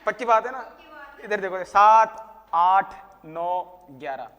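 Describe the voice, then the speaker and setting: A man teaching a classroom lesson, his voice pitched fairly high. He teases his students and keeps asking questions before answering them himself. The room gives his voice a long, ringing reverb. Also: animated, slow, a bit bright, smooth, muffled recording. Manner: teasing, talks to students by name. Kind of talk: classroom history lecture.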